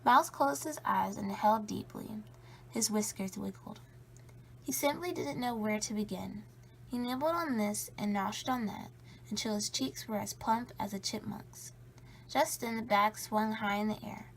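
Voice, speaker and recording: Creaky woman reading a playful spooky story. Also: medium pitch, normal speed, a little hiss or hum, poor audio. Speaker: storybook reader. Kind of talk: expressive children's story read-aloud.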